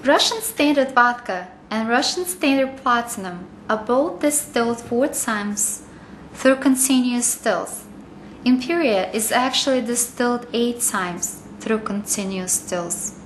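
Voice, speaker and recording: Slow, higher-pitched woman narrating training. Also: expressive, echoey room, a little hiss or hum. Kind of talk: scripted corporate training narration.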